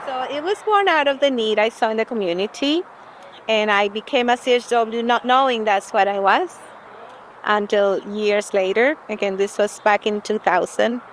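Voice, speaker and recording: A woman's voice: a little high, moderate pace, long pauses, a little hiss or hum, poor audio. Woman health worker reflecting. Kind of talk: interview clip.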